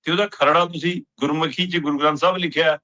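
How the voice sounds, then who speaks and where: A man's voice: a little high, fairly even intonation, quick pace, sharp tone. A man giving emphatic political analysis on a talk show, pressing pointed questions.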